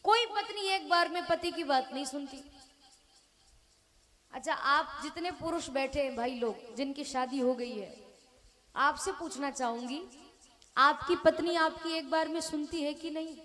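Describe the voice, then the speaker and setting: Slow high-voiced woman storyteller, jokes with the crowd, acts out the lines loud. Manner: addresses audience directly, jokes and asks for raised hands. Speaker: religious storyteller. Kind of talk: devotional story sermon to a live audience.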